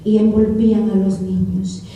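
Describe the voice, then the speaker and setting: A woman's voice: medium pitch, little pitch movement, moderate pace, dark tone. A woman giving testimony of a spiritual vision to a church congregation, retelling the dialogue earnestly in repeated phrases. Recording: very echoey hall, voice from far off.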